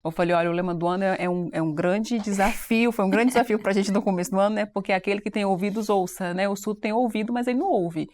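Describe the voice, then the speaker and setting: A woman presenting on a church program, explaining sign language in a relaxed, quick, animated way. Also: mid-range voice. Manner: self-described fast-paced, animated explainer. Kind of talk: casual panel chat.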